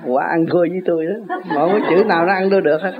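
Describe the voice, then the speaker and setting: A man's voice: sits high, racing, noisy background. An older man in a casual, rambling monologue, chuckling often as he argues about where words come from. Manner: chuckling, argumentative, folksy word-play. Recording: tinny phone-like audio.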